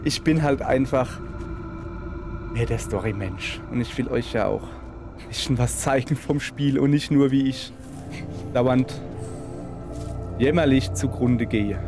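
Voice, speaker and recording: A man's voice: mid-range voice, measured pace, long pauses. A man with a Palatinate German accent giving chatty let's play commentary, talking to his viewers and mocking himself. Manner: chatty, self-mocking, talks to viewers and the game. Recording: game music playing underneath.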